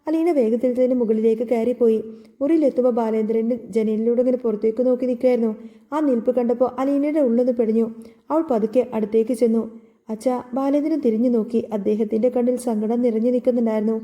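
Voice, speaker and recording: A woman narrating a recap of a television serial as a steady, emotive story reading. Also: a little high, quick pace.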